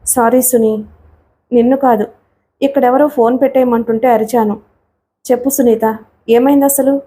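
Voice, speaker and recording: A woman voicing a heartsick young man begging on the phone in a storybook reading, reproachful and pleading. The voice sits fairly high with a mellow, warm tone. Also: steady tone, moderate pace, natural voice.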